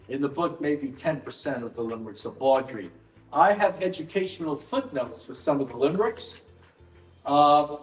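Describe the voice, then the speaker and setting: A man presenting his book at a live event, explaining in a measured way with dry asides. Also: on the high side. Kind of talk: live explanatory talk to an audience. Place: event hall at a book fair. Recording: roomy hall echo, mic some distance off, faint music.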